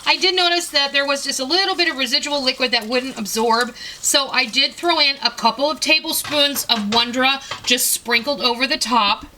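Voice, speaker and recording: Chatty bright-voiced woman cooking host. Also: high voice, normal speed, few pauses, slight background noise. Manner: chatty, talks straight to viewers, folksy phrasing. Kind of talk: casual home cooking tutorial. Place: home kitchen.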